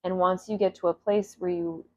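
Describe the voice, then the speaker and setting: A self-help creator talks to camera in a casual, motivational way, speaking candidly and emotionally and now and then laughing or swearing. Her voice is fairly low and flat at a moderate pace, and the audio is slightly dull and lo-fi.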